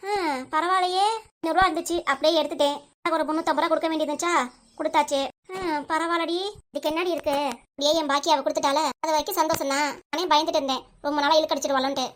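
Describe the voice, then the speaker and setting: A woman's voice: sits high, a bit bright, no echo. A woman performing a chatty, teasing village gossip comedy, voicing several women.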